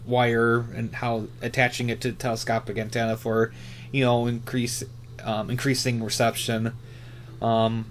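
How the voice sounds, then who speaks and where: A man hosts a hobbyist channel, rambling through casual, unscripted commentary and stumbling over his own corrections as he talks. His voice sits at a medium pitch, and there's a faint hiss or hum in the recording.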